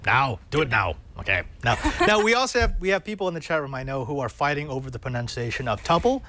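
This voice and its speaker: A man's voice: on the high side, fast talker. A man co-hosting a coding show, bantering playfully and giving showy guest introductions. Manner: animated, playful showman introductions. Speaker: co-host. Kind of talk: lively studio banter.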